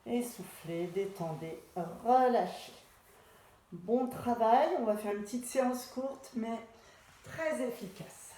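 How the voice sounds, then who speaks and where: A woman guides a pilates session at an unhurried pace, calling out each breath and movement in turn. Her voice rings in a very echoey room. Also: fairly high pitch. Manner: calm step-by-step cueing of breath and movement. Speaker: pilates instructor. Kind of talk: guided exercise class instruction.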